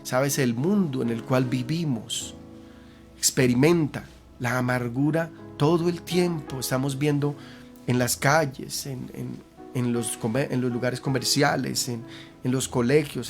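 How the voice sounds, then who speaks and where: A man's voice: medium pitch, a little slow, faint music behind. A man preaching a sermon as pastor, earnest, with rhetorical questions and repeated phrases.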